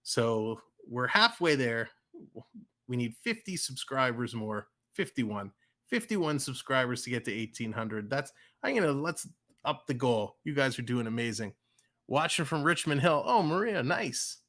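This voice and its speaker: Very animated yet measured in pace, his medium-pitched voice comes across a bit bright. The man, who has a Canadian accent and is from the Toronto area, livestreams casual play-by-play while chatting with viewers, reading chat aloud and laughing freely.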